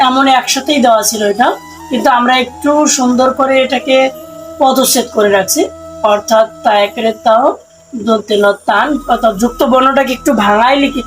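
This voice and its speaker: A woman giving a slow, step-by-step pronunciation lesson, asking questions and then answering them herself. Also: fairly high pitch, faint music behind, low-quality recording. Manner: explains slowly, asks and answers her own questions. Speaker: Sanskrit pronunciation teacher.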